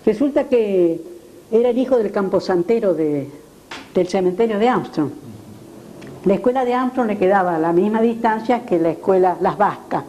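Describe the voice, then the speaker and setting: An older woman, a retired teacher telling animated stories in an interview. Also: medium pitch, moderate pace, a little hiss or hum, rough recording. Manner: animated, acts out quoted voices. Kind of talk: storytelling in an interview.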